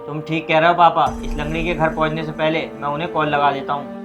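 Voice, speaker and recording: An actor playing the bride's greedy, hot-headed brother who shouts aggressively, over background music. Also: male voice, fairly high pitch, level tone, fast talker, lightly acted. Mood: scheming. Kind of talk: web-series family drama acting.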